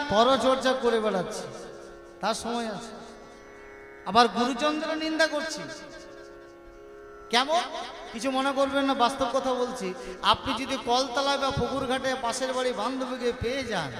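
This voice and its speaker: A man preaching a devotional sermon between sung verses, asking his listeners rhetorical questions and calling out for responses. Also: very high-pitched. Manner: call-and-response with the audience. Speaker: kirtan singer and preacher. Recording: roomy echo with long reverb. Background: devotional music playing.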